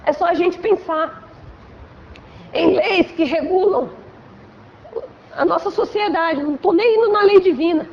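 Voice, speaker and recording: High-voiced Brazilian woman lecturing. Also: measured pace, long pauses, highs cut off, slight background noise. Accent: Brazilian Portuguese. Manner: conversational, frequent "né?" tags, acts out examples. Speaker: lecturer at a Spiritist center. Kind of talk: spiritual lecture. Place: assembly hall of a spiritual center.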